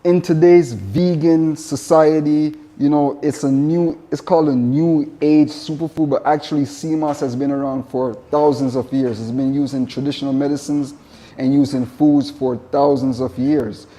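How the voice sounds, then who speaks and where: A man's voice: on the high side, fairly even intonation, moderate pace, dark tone. A man from Jamaica with a Jamaican accent, a vegan chef giving a casual spoken presentation, earnest and repeating his points. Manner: earnest, repetitive phrasing with spiritual asides.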